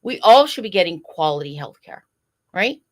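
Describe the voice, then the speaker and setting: A woman's voice: fairly low pitch, sing-song, moderate pace. A woman who is a guest on a podcast, earnestly advising listeners in casual interview talk. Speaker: guest program director.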